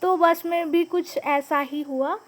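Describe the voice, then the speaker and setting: A woman's voice: very high-pitched, steady tone, slow. A woman telling a personal story in a casual, dramatic way, repeating phrases for emphasis and mixing in English words. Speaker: vlogger.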